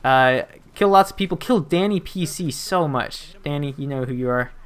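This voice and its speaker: A man's voice: on the high side, normal speed, clear, resonant tone. A young man, talking casually over his gameplay footage as a gaming YouTuber, rambling with plenty of fillers and joking asides. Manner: rambling and chatty, with frequent fillers and restarts and playful asides.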